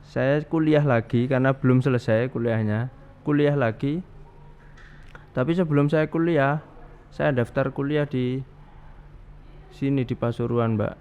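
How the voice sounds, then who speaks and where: A man's voice: medium pitch, unhurried, pauses often, clean tone. A man, a guest recounting his life at length, with many restarts and fillers. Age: 30s. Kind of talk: casual interview. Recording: dull, slightly noisy studio audio.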